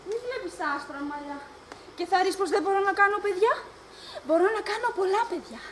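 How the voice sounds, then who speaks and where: With a very high voice and lively intonation, a woman acts the part of a crazed grandmother yearning for babies in an amateur stage play. Her dreamy, singsong rambling is broken by giggles, and the live, echoey recording carries a little hiss or hum.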